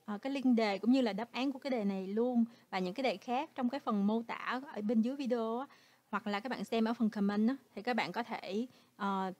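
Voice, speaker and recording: A woman's voice: mid-range voice, no echo. A woman, a native Vietnamese speaker, who patiently walks through an English exam step by step as a teacher. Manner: patient, explains step by step, ends phrases with "ha". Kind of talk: exam walkthrough lesson.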